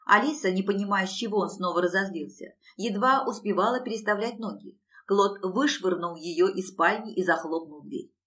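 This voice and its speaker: A woman's voice: medium pitch, normal speed, hardly any pauses, a bit bright, recorded from a distance. A woman reading a fantasy novel aloud as an audiobook, giving the characters voices as she goes. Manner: reads with acted character voices. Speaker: audiobook narrator. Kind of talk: scripted narration of a fantasy novel.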